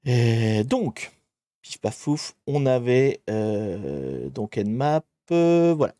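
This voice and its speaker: A livestreamer works through a hacking challenge, casually chatting and rambling while often correcting himself mid-sentence. His medium-pitched, dark-toned voice is sing-song with drawn-out words, captured in a dry, clean studio recording.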